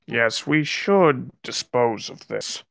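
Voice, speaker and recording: Tabletop player, gravelly creak, dry close sound, casual game banter. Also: mid-range voice, expressive, slow, a bit bright, dry recording.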